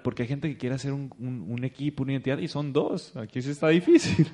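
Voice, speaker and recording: A young man with a Mexican accent speaks to a seated crowd in a motivational talk. His voice sits a touch higher than most men's. He tells his story with energy, often jumping into quick acted-out quotes. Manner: lively, acts out quotes with bursts of emphasis. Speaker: seminar speaker. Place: stage before a seated audience.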